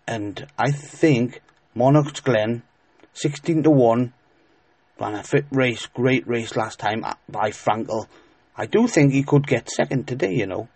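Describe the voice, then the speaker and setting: A man giving informal horse racing tips as a tipster, emphatic and repeating words for stress, with a halting delivery. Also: medium pitch, darkish tone, dry recording. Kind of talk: informal betting tips commentary.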